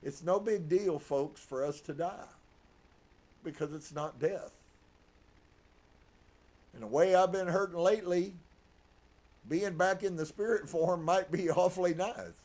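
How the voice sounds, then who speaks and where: A man preaching earnestly as a pastor, reading from a book and reflecting on it with soft laughs. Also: high-pitched, a little slow, pauses often. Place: live stream.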